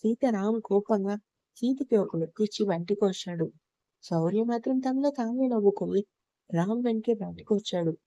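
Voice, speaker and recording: A woman storyteller reading a romance story in a steady, even narration. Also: mid-range voice, moderate pace, dry recording, lo-fi sound.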